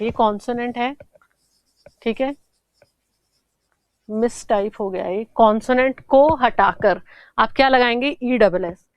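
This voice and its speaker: A woman's voice: a little high, smooth, no echo. A woman teaching an English grammar lesson for exam prep, explaining step by step and answering her own questions.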